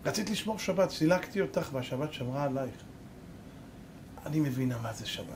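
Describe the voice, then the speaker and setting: A man voicing a rich woman employer, harsh and shrill when angry, later softened. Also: animated, a little hiss or hum, lightly acted. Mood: earnest.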